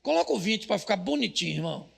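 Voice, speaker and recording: A middle-aged Brazilian man preaching a live church sermon, cracking jokes, shouting punchlines and quizzing the crowd. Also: high-pitched, sing-song, creaky, slightly rough. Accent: Brazilian Portuguese. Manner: jokey, rapid-fire preaching with shouted punchlines and audience call-outs. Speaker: pastor.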